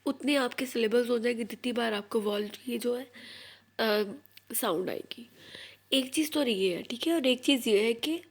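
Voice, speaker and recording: A woman with a Pakistani Punjabi accent teaching an English class in Hindi-Urdu, reading English sentences slowly and then explaining them. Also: fairly high pitch. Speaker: school teacher. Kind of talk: classroom lesson.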